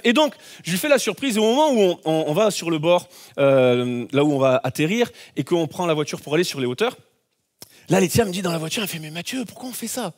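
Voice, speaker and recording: A man preaching a sermon as pastor, telling a personal story with lively shouts and playful asides. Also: high voice. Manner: animated storytelling, acts out scenes with shouts.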